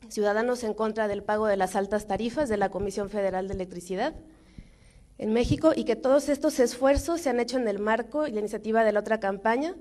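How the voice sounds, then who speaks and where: A young woman from Mexico, speaking with a Mexican accent, gives an informal talk to a forum audience in a measured way, with many fillers and restarts. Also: fairly high pitch, darkish tone. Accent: Mexican Spanish.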